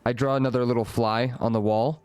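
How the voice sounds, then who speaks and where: A man's voice: mid-range voice, fairly even intonation, fairly quick, darkish tone, a little hiss or hum. A young man with an ordinary mid-range voice chats at a tabletop game. He talks easily and casually, explaining his moves and the rules as he goes. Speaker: player.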